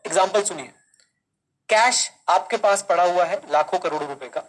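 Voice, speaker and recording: Slow, deliberate male teacher. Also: high-pitched, low-quality recording. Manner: slow, deliberate, repeats key lines and quizzes students; mixes Hindi and English, calls students kids. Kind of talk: live online exam-prep class.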